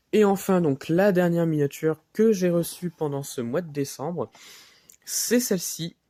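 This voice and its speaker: A man presenting his new model cars in a casual vlog, halting and filling pauses often. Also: medium pitch, dark tone, no room sound, clean studio sound. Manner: halting, many fillers and "voilà". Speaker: diecast collector vlogger. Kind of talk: casual show-and-tell vlog.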